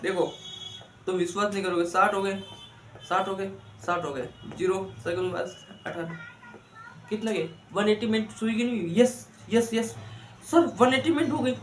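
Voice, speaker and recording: A man's voice: sits high, normal speed, roomy sound, a little hiss or hum. A man giving students exam study advice, asking rhetorical questions and coaxing them. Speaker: exam coach.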